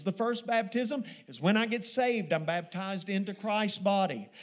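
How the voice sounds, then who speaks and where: A man preaching a sermon to a church congregation. He builds emphasis with repeated phrases and slows down to stress scripture. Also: high voice. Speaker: pastor. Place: church sanctuary.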